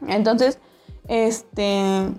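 A young woman with a Mexican accent telling a personal story in a casual, animated way, acting out the voices she quotes. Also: medium pitch, extremely slow, soft background music. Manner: animated, acts out quoted voices, laughs often.

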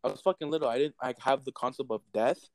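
A young man in casual chat, telling animated stories and swearing constantly. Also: medium pitch, fast, no room sound. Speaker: podcast co-host.

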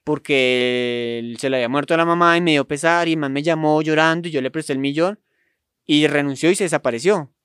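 Colombian guy rambling thru a story on a podcast, kinda high voice, lots of slang and laughs, dry close mic. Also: brisk, a bit bright, smooth, no echo. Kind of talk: casual chat.

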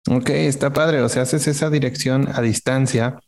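A man's voice: mid-range voice, steady tone, normal speed, a little mellow. A man with a Mexican accent hosting a podcast, responding casually and building on his guest's points. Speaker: podcast host.

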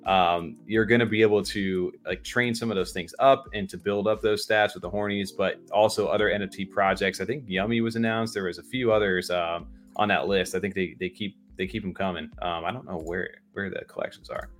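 A man's voice: low-pitched, steady tone, brisk, hardly any pauses, a bit bright, soft background music. A man co-hosting a livestream, chatting casually with lots of fillers and restarts. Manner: rambling, many fillers and restarts. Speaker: livestream co-host. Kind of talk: casual chat.

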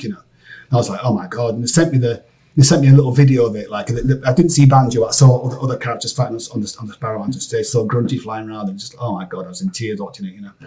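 A Scottish man, a game composer, chatting in an interview, excitable and rambling with many restarts. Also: mid-range voice. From Scotland. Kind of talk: casual interview chat. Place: home studio area, lives in LA.

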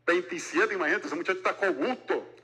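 A man in his forties delivering a sermon to his congregation. His voice sits a bit high and sounds bright and forceful. He preaches in a chatty style and slips humor in between points. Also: a little fast. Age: 40s. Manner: joking, conversational preaching. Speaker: pastor.

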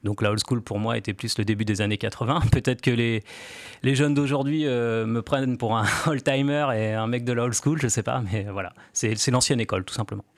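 A man's voice: mid-range voice, fairly even intonation, fairly quick, no room sound. Hesitant man with a dry close sound. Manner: hesitant, many fillers and restarts, laughs lightly. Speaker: graffiti artist guest. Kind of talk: casual radio interview.

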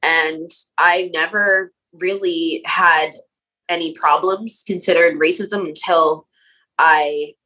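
Low-pitched bright-voiced woman, casual guest. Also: steady tone, slow pace, rough recording. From Canada (Nova Scotia). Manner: casual, many "like" and "um" fillers, laughs often. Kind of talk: casual interview talk.

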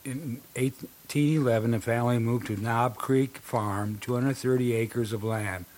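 A man's voice: mid-range voice, fairly even intonation, measured pace, darkish tone, slight background noise. A man hosts his own podcast, talking in a loose, conversational way as he tells stories and walks through history. His voice sits in an ordinary middle range. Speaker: podcast host. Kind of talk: casual podcast storytelling and history narration.

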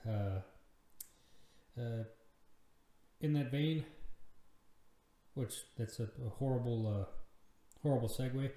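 A man's voice: medium pitch, takes it slowly, pauses often, dark tone. A man in his thirties hosting a casual solo podcast, rambling and self-deprecating, swearing freely. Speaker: podcast host. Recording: very echoey room.

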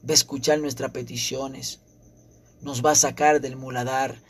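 Male preacher, mid-pitched, fervent repetitive sermon delivery, crickets audible behind. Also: flat delivery, moderate pace.

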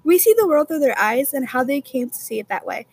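A young woman as a guest on a scripted mock talk show, speaking earnestly and pausing to find her words. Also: high voice, lively intonation, a little mellow, husky, no room sound.

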